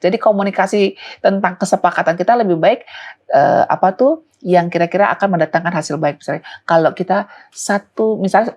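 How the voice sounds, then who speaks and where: A woman with a slightly low voice gives parenting advice as an interview guest. She talks earnestly and stops often with small fillers while she searches for words. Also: fairly quick, darkish tone. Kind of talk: explanatory interview talk.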